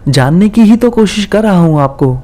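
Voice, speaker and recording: A man's voice: high-pitched, lively intonation, normal speed, dark tone, voice pushed up. A man voicing a friendly young office worker in a spoken horror story, talking in a casual, amused, questioning way. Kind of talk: storybook dialogue reading.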